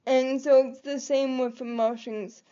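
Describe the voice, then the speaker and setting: Woman vlogger, high voice, slow and rambling, muffled lo-fi recording. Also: fairly even intonation, dark tone, clean tone. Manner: rambling, hesitant, many fillers and restarts. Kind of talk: reflective personal vlog.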